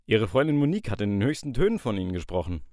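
Guy acting formal hr boss, low voice, talks fast, sketch with noisy background. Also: big pitch swings, a little mellow. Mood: businesslike. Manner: formal, businesslike. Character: formal, brisk male personnel manager.

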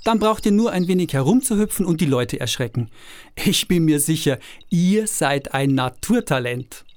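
An actor playing a glib, theatrical travelling minstrel who cajoles people in an audio drama. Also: male voice, on the high side, expressive, moderate pace, darkish tone, no echo, close to an everyday voice. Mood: cajoling. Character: brash, persuasive travelling minstrel and showman. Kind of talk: scripted audio drama acting.

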